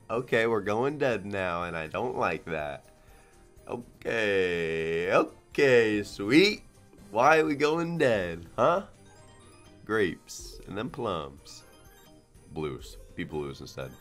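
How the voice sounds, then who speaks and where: A man giving profane live commentary on casino slot spins, muttering low to himself, then shouting when a win lands. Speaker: slot streamer.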